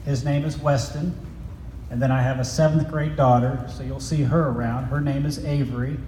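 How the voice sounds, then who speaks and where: A man's voice: medium pitch, steady tone, moderate pace, mellow. A middle-aged man, head of a school, giving a friendly chapel talk to students, joking and asking them questions, on a handheld microphone. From grew up in Italy and Germany. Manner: chatty, jokey, asks the kids questions. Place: large school chapel hall. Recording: echoey hall, faint noise.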